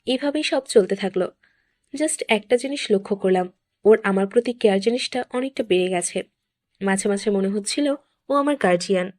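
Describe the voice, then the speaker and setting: A woman telling a first-person story in a steady, confessional narration. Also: medium pitch, moderate pace, no room sound.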